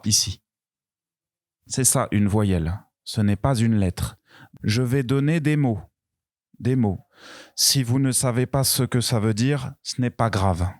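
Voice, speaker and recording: A man teaching a beginner pronunciation lesson, speaking very slowly and carefully, repeating each word and stretching the vowels. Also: mid-range voice, a little mellow, no room sound, studio quality. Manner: very slow, careful, repeating words and drawing out vowels. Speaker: French teacher.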